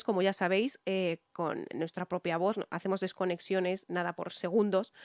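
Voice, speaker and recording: A woman from Spain with a Spanish accent chats through her reaction to songs, full of fillers and now and then breaking into a hummed bit of melody. Her voice sits at an ordinary middle pitch. The recording is close and dry, with no room sound. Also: dry recording. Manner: chatty, many fillers, hums snatches of melody. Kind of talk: casual reaction commentary.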